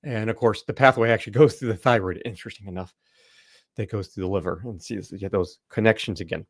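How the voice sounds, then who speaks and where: A man's voice: fairly low pitch, quick pace, no room sound, studio quality. A middle-aged man, a naturopathic doctor, explaining a slide presentation in a loose conversational way, with lots of fillers and restarts.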